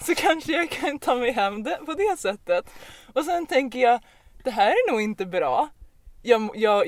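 A woman on a podcast telling a personal anecdote in a casual, lively way, with lots of fillers and restarts. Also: high voice, no room sound. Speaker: podcast host. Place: podcast recording.

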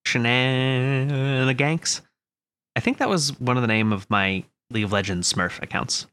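A man's voice: lowish voice, very animated, fast talker, pushed and bright. A young man co-hosting a podcast, playful and jokey, fond of wordplay. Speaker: podcast co-host. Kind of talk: casual podcast chat.

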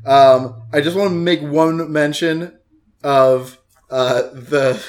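A man's voice: fairly high pitch, fairly even intonation, slow pace, darkish tone. A man co-hosting an anime podcast in a laid-back, rambling, playful casual chat. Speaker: podcast co-host.

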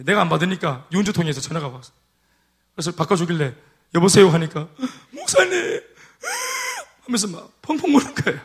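A man's voice: a little high, a bit bright. A man preaching a sermon, calling out for amens and hallelujahs. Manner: call-and-response preaching, repeated amens and hallelujahs. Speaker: pastor. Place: church sanctuary.

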